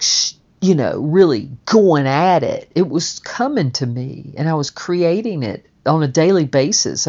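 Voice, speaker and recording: A woman's voice: low-pitched, a little mellow. A woman telling a personal story in a chatty, rambling way, full of fillers and restarts. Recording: dull, muffled audio.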